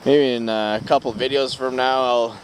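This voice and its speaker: Noisy outdoor ambience surrounds a man. His pitch is ordinary to slightly low, and he talks casually to viewers. His delivery is laid-back and unhurried, like a solo camping vlog. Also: fairly even intonation. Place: outdoors at a campground at night. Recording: outdoor wind and ambient noise.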